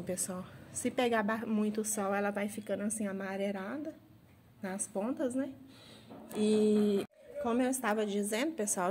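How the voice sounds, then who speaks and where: A woman's voice: mid-range voice, darkish tone. A woman from the interior of Minas Gerais, Brazil, with a Minas Gerais accent, chatting casually in her home garden and tagging her lines with filler words. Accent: Brazilian Portuguese, Minas Gerais. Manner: chatty, tags lines with "né" and "pessoal". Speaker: gardening vlogger. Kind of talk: casual how-to vlog. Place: home garden, outdoors by a street. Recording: faint street noise. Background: street noise, passing trucks.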